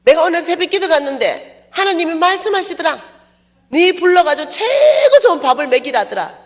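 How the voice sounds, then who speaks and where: A woman doing her pushy loud friend. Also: extremely high pitch, sing-song, fairly quick, voice pushed up. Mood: insistent. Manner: loud, insistent scolding.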